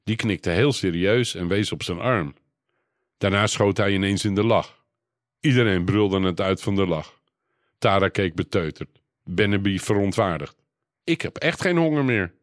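A man reading a children's storybook aloud in a calm, even narration. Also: low voice, a little slow, no echo, clean studio sound.

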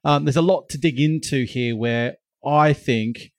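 A man's voice: medium pitch, measured pace, no echo. Male co-host, considered delivery full of restarts, dry close sound. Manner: thoughtful, with frequent restarts. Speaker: podcast co-host, chief executive. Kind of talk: casual podcast chat.

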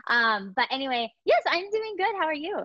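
A woman's voice: high voice, very animated, a little fast, dry recording, dull audio. A young woman, a photography educator, chatting as a podcast guest from home, upbeat and full of fillers. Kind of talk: casual interview chat.

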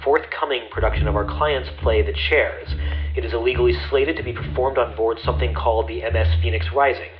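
Officious caller, stern, formal, muffled voicemail playback, mid pitch. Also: male voice, steady tone, brisk, a little hiss or hum. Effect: played back from a voicemail message. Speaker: caller leaving a formal legal message.

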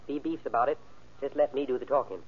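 In an old-time radio crime drama, a man plays a cold, cocky gangster ringleader who barks slangy, bossy tough-guy lines with a scheming swagger. His natural voice sits at medium pitch with a breathy edge, moving quickly in a fairly even intonation. The recording is tinny and band-limited, like old radio.

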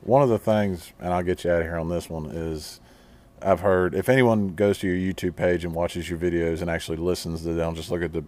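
A man hosting a podcast, asking long, relaxed conversational questions. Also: deep voice, brisk. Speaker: podcast host. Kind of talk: casual interview questions.

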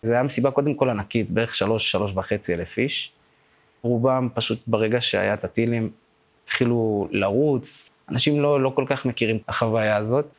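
A man in his twenties giving personal testimony in a casual, slangy way, with broken-off phrases and repeated words. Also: medium pitch. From Israel. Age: 20s.

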